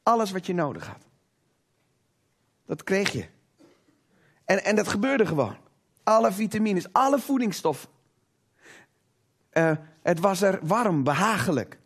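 High-voiced male preacher, emphatic. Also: big pitch swings, measured pace, long pauses, breathy edge. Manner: engaging, asks the audience rhetorical questions. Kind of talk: sermon to a live congregation.

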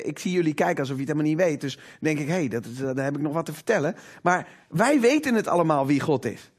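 A man with a notably high voice preaching a sermon to a congregation. He talks emphatically, lingers on the words he wants to stress, and keeps drawing the room in with questions. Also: breathy edge. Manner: engaging, asks the audience rhetorical questions.

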